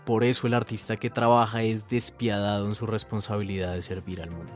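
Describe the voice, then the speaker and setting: A male host reading scripted narration in a measured, reflective way. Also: lowish voice, music in the background.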